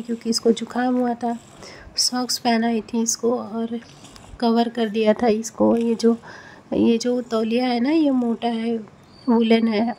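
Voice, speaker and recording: Mother vlogger, flat mellow delivery, faint noise behind. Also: a little high. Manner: emotional, repetitive. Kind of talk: casual travel vlog narration. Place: train journey and station.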